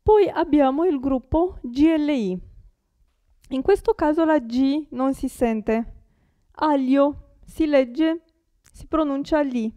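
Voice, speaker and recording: Young italian woman teaching pronunciation, super slow, repeats every word, mellow tone, dry sound. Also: high voice, no room sound. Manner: slow, carefully articulated, repeating each word. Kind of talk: pronunciation lesson.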